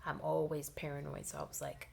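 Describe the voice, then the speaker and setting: A young woman in her twenties tells a personal story in a casual vlog, her lowish voice carrying a gravelly rasp. She rambles and often sinks into a hushed whisper, and a faint hiss sits under the recording. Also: fairly quick. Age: 20s. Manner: animated, rambling, frequent fillers like "you know"; drops often into a low whisper. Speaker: vlogger.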